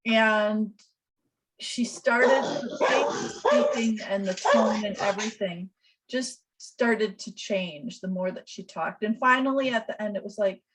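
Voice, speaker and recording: A woman who works as a death doula, giving a gentle, reflective webinar presentation over a video call. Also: mid-range voice, measured pace, a little hiss or hum, low-quality recording.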